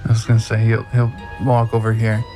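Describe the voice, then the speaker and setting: A man running a tabletop game as game master, casual and halting in his narration. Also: on the low side, completely flat delivery, music in the background.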